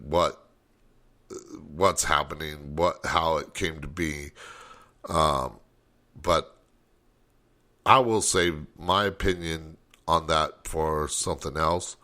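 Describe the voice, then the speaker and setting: A man's voice: rumbling low, bright, forceful tone. A man hosting a late-night call-in talk show, rambling and thinking aloud as he goes.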